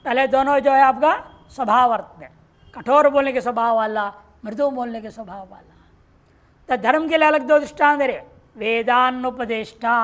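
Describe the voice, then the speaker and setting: A woman teaching Sanskrit grammar in a classroom lecture, reciting word forms slowly and explaining each step patiently. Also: fairly high pitch. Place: ashram classroom.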